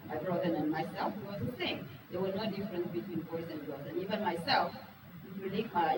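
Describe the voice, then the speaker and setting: Fairly low in pitch, this woman presents at a business talk in front of a meeting-room audience, speaking frankly and earnestly and posing questions to them. Her first language is Wolof, and the recording comes from a distance in an echoey room with noise.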